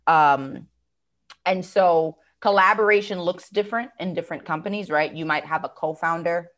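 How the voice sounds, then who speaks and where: An American businesswoman describes her work in a conversational interview, speaking thoughtfully with plenty of fillers and restarts. Her voice is lowish and a bit bright, at a moderate pace.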